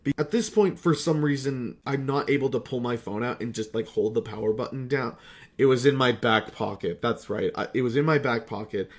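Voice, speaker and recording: A young adult YouTuber who makes fan films rambles casually to his viewers in a brisk, medium-pitched voice. He's profane, sarcastic and self-deprecating, drawing out words for emphasis.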